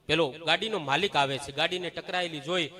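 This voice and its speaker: A woman's voice: low-pitched, brisk. A woman giving a devotional sermon at a temple gathering, telling stories and acting out the people in them. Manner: animated storytelling, acting out quoted people. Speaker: religious discourse speaker.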